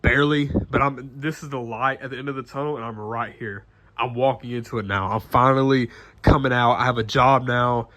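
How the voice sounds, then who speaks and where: A nineteen-year-old man talking casually to camera in an earnest, halting way, full of restarts and fillers, often clearing his throat. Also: mid-range voice, steady tone, sharp tone, a little hiss or hum. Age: late teens. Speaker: vlogger.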